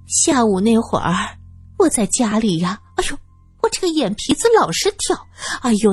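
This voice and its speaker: A woman acting out a shrill middle-aged former dancer who wails and wheedles in a whining, theatrical voice, soaring high and swooping wildly. The voice is breathy and dry, close to the mic in an audio story. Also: no room sound, exaggerated voice. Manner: whining, melodramatic, shameless.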